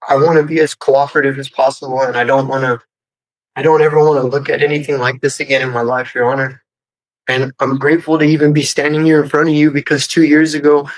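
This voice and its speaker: A man's voice: fairly high pitch, fairly bright tone, dry recording, rough recording. A man speaking as a defendant, making an earnest, deferential, pleading appeal to a judge. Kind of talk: earnest personal plea in court.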